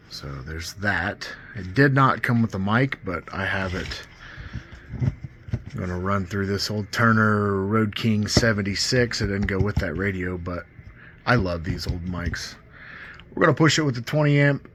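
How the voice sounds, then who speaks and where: Indoors at a radio bench, a CB radio enthusiast gives an informal, hands-on demo of his gear, pointing out features step by step. His voice is lowish with a fairly bright tone, and there is a little hiss or hum.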